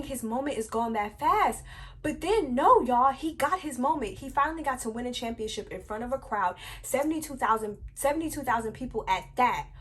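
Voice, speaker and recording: A young woman excitedly recapping a wrestling event for her viewers, chatty and animated, calling out to them as y'all and full of fillers. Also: fairly high pitch. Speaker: wrestling review vlogger.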